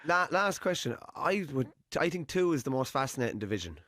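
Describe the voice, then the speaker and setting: Quick Irish man discussing sport. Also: on the high side, big pitch swings, a bit bright, dry recording.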